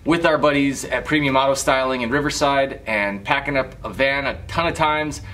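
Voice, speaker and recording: A man's voice: mid-range voice, normal speed, fairly bright tone. A young man chatting casually to the camera in an informal, easygoing way as a vlogger. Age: young adult. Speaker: vlogger, automotive lighting shop owner. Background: music.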